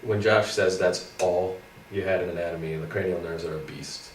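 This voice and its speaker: A young man with a cold, his nasal, stuffed-up voice low and fairly flat as he chats through his school week. He sits some distance from the mic in a roomy space, with a faint hiss behind him. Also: normal speed. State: congested, scratchy throat from a cold. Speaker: co-host, physical therapy student. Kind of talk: casual study recap.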